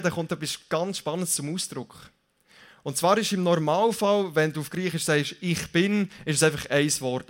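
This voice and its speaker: A young man with a Swiss German accent preaching a casual, lively sermon, joking and correcting himself as he goes. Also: on the high side.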